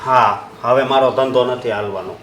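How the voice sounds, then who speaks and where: An actor playing a stressed son whose business is failing, in a short drama. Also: male voice, medium pitch, normal speed, fairly bright tone, soft background music, lightly acted. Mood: tense. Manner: tense, agitated.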